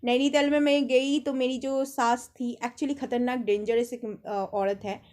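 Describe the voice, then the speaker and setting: A young woman with a high voice tells rambling personal stories in an easy, conversational way. She slips into quick impressions of the people she talks about. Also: steady tone, darkish tone. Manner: chatty, rambling anecdotes with mimicked quotes. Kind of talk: casual storytelling monologue.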